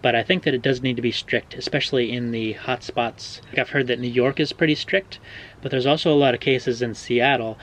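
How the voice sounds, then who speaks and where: A young American man from Oregon casually answering viewer questions in a vlog, relaxed and hedging with frequent ums and uhs. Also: mid-range voice, low-quality recording. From Oregon, USA. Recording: faint background noise.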